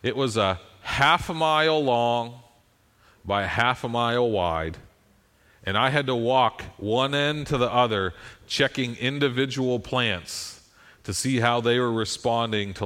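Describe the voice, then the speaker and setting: A man's voice: mid-range voice, a little slow, fairly bright tone. Folksy American man preaching conversationally. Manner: folksy, self-deprecating, checks in with "right?". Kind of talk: conversational sermon.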